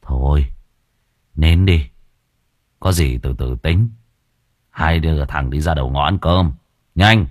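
A man's voice: low voice, very animated, normal speed, pauses often, a little mellow, husky, no echo, clean studio sound, pitched below the performer's own voice, heavily acted. A man voicing a blunt, foul-mouthed young man who scolds his friend curtly. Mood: gruff. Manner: curt, swearing, scolding. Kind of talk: audiobook character voice.

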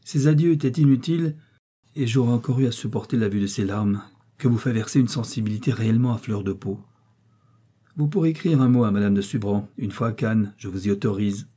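A man's voice: fairly low pitch, fairly quick, mellow, husky. A man voicing a cold, despotic young prince who speaks to his wife in a curt, commanding way. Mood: coldly commanding.

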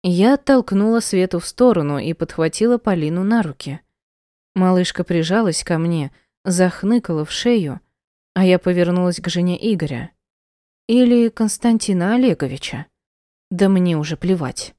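Female audiobook narrator, mellow low voice, measured emotional storytelling. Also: animated, dry recording, studio quality. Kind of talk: first-person audiobook narration.

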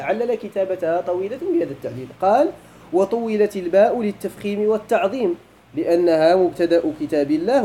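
Moroccan man, middle-aged, quick grammar teacher, mellow voice, quizzes his students. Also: high-pitched, a little hiss or hum, rough recording. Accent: Moroccan Arabic. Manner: questioning students, switching to colloquial. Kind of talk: classroom grammar lesson.

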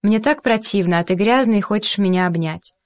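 A woman's voice: mid-range voice, dry recording, natural voice. A woman reading a blunt, talkative young woman. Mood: recounting. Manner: direct, brisk storytelling.

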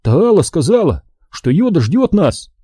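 A man's voice: a little high, very animated, moderate pace, warm tone, husky, dry recording, clean studio sound, voice pushed up. A man voicing a dutiful young male apprentice, reluctant and wry, in an audiobook.

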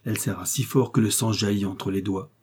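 A man narrating a novel in a measured, dramatic manner. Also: on the low side, fairly even intonation, a little mellow, breathy edge. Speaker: audiobook narrator.

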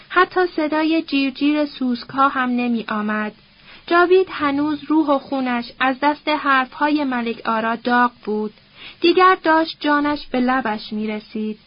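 A woman reading a novel aloud as an audiobook, in a steady, expressive manner, on a dull, lo-fi recording. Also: sits high. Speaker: audiobook narrator.

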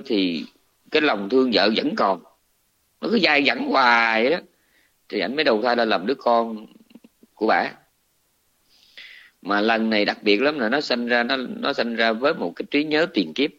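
A man with a Southern Vietnamese accent, a Buddhist monk giving a dharma talk, retelling a scripture story in a colloquial, animated way. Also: on the low side. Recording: dull lo-fi recording.

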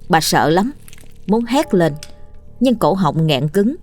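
A woman storyteller narrating a scripted ghost story in a steady, grave way. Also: lowish voice, slow pace, soft background music.

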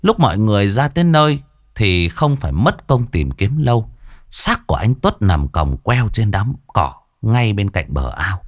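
A man's voice: fairly low pitch, very animated, normal speed. A man narrating a horror story with dramatic expression.

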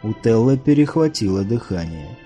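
A man narrating a fantasy novel as an audiobook reader, in a measured storytelling manner. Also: fairly low pitch, expressive, mellow, faint music behind.

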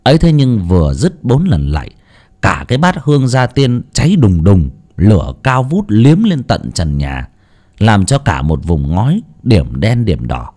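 A man narrating a ghost story with an expressive, dramatic reading. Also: fairly low pitch, a little slow. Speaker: audiobook narrator.

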